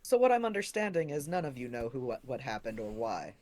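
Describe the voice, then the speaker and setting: A woman's voice: a bass voice, big pitch swings, a little fast, darkish tone. A woman playing a tabletop game, talking informally and jokingly as she improvises her character's part. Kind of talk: casual improvised play.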